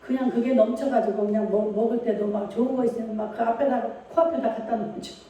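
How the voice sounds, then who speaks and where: A woman's voice: a little high, fairly even intonation, fast talker, warm tone, slight background noise. A woman preaching a sermon in a church, speaking emphatically and putting rhetorical questions to the congregation. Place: church sanctuary. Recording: echoey church hall, mic far off.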